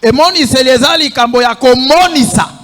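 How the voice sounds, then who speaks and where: A man's voice: very high-pitched, brisk, a bit bright, long reverb tail. A man interpreting a sermon live, delivering it one short phrase at a time.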